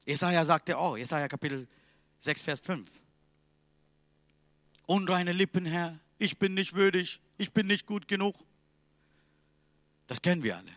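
A man preaching a sermon in a language that is not his first, emphatic and swinging between loud and quiet. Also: high-pitched, lively intonation, measured pace, long pauses, dry recording.

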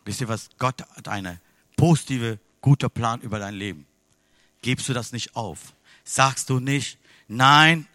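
Bright, forceful man preaching a sermon. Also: medium pitch, no echo, studio quality. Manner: non-native German with broken grammar; swings between hushed asides and loud exclamations.

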